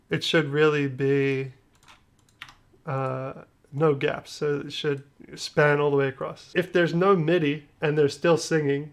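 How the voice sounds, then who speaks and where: A man with a slightly high, creaky voice runs a music production tutorial. It's relaxed screen-share talk, slangy and full of jokes, with phrases that tend to trail off.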